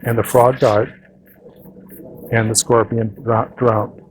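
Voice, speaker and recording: Man, therapist, storytelling, conversational, animated, middle pitch. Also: takes it slowly, slight background noise. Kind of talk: storytelling to an audience.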